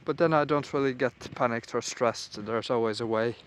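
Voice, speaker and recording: A young man vlogging while walking outdoors through a small town, musing aloud in a relaxed, casual way. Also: mid-range voice, normal speed, a little hiss or hum. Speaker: travel vlogger. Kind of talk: casual walking vlog narration.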